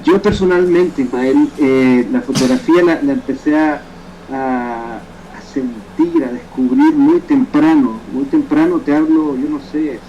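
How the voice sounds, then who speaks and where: A man in his fifties from El Salvador with a Salvadoran Spanish accent, speaking as an interview guest in a reflective, halting way with frequent restarts. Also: mid-range voice, mellow, lo-fi sound, a little hiss or hum. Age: 50s. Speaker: guest, photographer and poet. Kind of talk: remote interview conversation.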